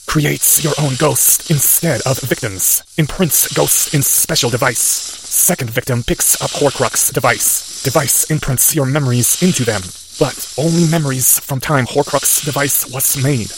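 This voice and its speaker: A man doing Professor Quirrell, slow and cold. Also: medium pitch, creaky, voice pushed up. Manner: slow, hissing, broken clipped grammar. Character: dying male professor turned snake, cold and clipped.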